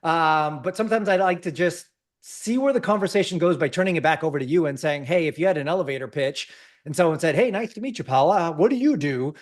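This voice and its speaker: A man's voice: on the high side, animated, quick pace. A man hosting a podcast interview, chatty and enthusiastic. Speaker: podcast host.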